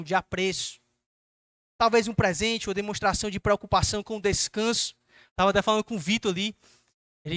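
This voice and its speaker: A young man preaching a youth service sermon, earnest and exhorting, acting out gentle questions to his listeners. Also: high voice, no room sound, clean studio sound.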